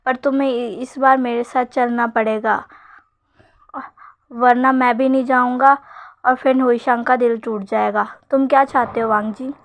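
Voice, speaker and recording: A woman's voice: a little high, fairly even intonation, moderate pace, close to an everyday voice. A woman reading as an insistent young husband. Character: young married man, pleading and insistent partner.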